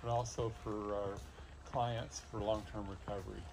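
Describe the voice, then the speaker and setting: A man from a disaster relief organization explaining a warehouse in a halting, informal way, with many fillers and restarts. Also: lowish voice, level tone, gravelly, noisy background. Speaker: disaster services warehouse staff. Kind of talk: informal guided tour explanation.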